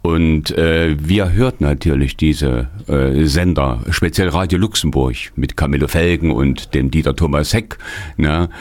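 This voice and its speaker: Older man, extremely deep bass voice, from Thuringia, interview guest, conversational recollection. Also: a little slow, darkish tone. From Thuringia, Germany. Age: older, born in 1944. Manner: often adds short tag questions. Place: radio or podcast studio.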